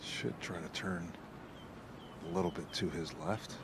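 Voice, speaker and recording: A man's voice: low voice, unhurried. A man doing live golf commentary, explaining and analysing as he goes. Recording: clear outdoor background noise.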